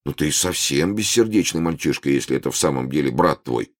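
Audiobook role: concerned kind gentleman, as a male narrator puts him on, low voice with lively lilt. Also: brisk. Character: kindly gentleman passer-by, concerned.

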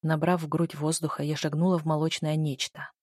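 A woman narrating a first-person audiobook in a measured, even storytelling manner. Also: low-pitched, slight background noise.

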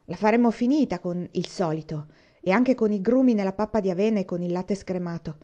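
A woman's voice: mid-range voice, fairly quick, muffled recording, lightly acted. A woman voicing a brash, blunt orphan girl who talks back defiantly. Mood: indignant. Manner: blunt and defiant, loud outbursts.

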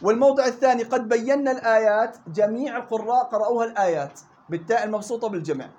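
This Quran recitation teacher speaks with a Levantine Arabic accent and an extremely high, slightly mellow voice, captured on lo-fi audio. In class he lays out points colloquially and tests his students with rapid questions.

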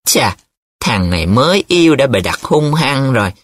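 A man's voice: medium pitch, big pitch swings, moderate pace, a bit bright, no echo, clean studio sound, voice pushed up. A man voicing a teasing, dramatic young male student who talks in a playful, showy way, in an audiobook. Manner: playful, showy, sing-song when reciting.

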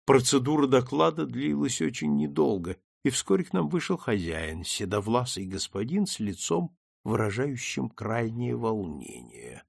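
A man narrating a classic story in an expressive, theatrical manner. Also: mid-range voice, normal speed, vocal fry, hardly any pauses, slightly rough, dry recording, studio quality. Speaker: audiobook narrator.

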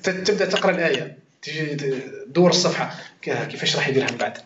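Algerian male Quran teacher, rapid and conversational, quizzing his circle; roomy, muffled recording. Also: a little high, lively intonation, noisy background. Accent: Algerian Arabic. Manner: conversational, swears oaths, quizzes listeners. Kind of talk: informal Quran commentary lesson.

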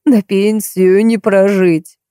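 A woman's voice: mid-range voice, fairly even intonation, takes it slowly, dark tone, smooth, no room sound, clean studio sound, close to an everyday voice. A woman reading an audiobook, voicing a whining, begging old woman with a cracked, tearful voice. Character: whiny, wheedling old woman, a drinking pensioner.

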